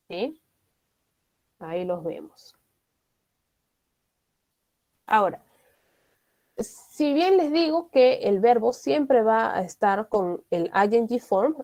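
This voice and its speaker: A woman's voice: mid-range voice, warm tone. A woman, teaching an online English class. She explains step by step and often checks in with her students.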